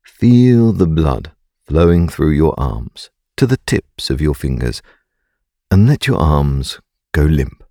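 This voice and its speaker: A man narrating a scripted guided meditation in a calm, gentle, soothing and unhurried way. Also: a bass voice, creaky, no echo, clean studio sound.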